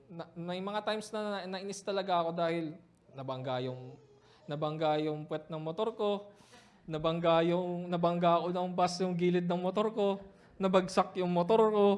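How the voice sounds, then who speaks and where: Speaking with a clean, high voice, a pastor shares a personal story from the pulpit. His telling shifts from quiet reflection to loud, laughter-filled recounting.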